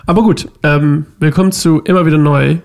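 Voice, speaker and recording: A man's voice: on the high side, steady tone, fairly quick, creaky, a little mellow, clean tone. A man co-hosting a casual podcast chat, playful and teasing, his voice still a bit scratchy. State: slightly scratchy voice. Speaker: podcast co-host.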